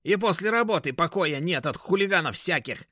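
Casting: a man playing a grumbling shrieking neighbor woman, bright and high. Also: animated, a little fast, dry recording, clean studio sound, full character voice. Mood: scolding. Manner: grumbling, scolding. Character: shrill quarrelsome woman neighbor.

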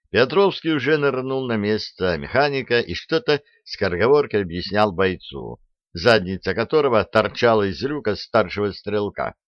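A man narrating a first-person war story as an audiobook, lively in delivery. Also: lowish voice, no echo, muffled recording.

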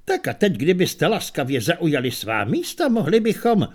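A man's voice: fairly high pitch, huge pitch swings. A man voicing a polite, genial inventor with courteous, formal speech.

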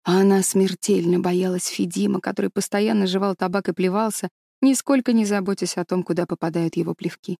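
A woman narrating an audiobook story in a calm, measured storytelling voice. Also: medium pitch, gravelly, no room sound, clean studio sound.

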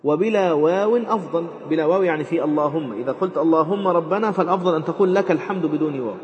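A man teaching Islamic jurisprudence, reading from a text and explaining it, repeating phrases with many fillers. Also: a little high. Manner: rapid, repeats and quotes phrases, frequent fillers. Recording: dull lecture recording with long reverb.

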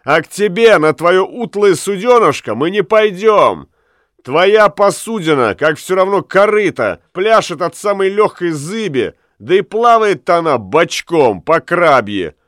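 A man voicing a cocky young male prankster who taunts loudly and mockingly. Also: sits high, sing-song, unhurried, no echo, clean studio sound, voice pushed up, full character voice. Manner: loud, taunting.

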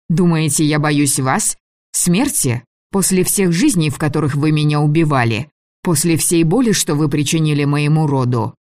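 A man voicing a proud, sharp-tongued young sorceress, throwing scornful retorts in an audiobook reading. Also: medium pitch, dry recording, natural voice.

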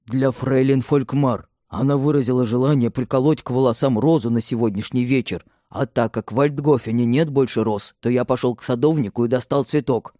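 A man's voice: medium pitch, fairly even intonation, brisk, few pauses, warm tone, dry recording, studio quality, lightly acted. A man voicing a stubborn young man who speaks sullenly and defiantly to his mother.

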